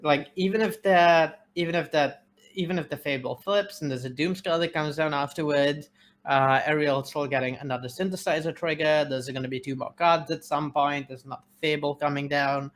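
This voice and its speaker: A man casting a card game match, giving color commentary in a measured, analytical manner with frequent fillers. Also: a little high, fairly even intonation, fairly bright tone. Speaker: game caster.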